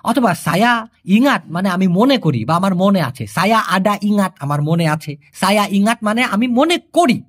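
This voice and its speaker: Woman, online language teacher, lively pitch, patient and repetitive. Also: slightly rough. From Bangladesh. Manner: patient, repeats words slowly to drill them. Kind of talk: video language lesson answering viewer questions.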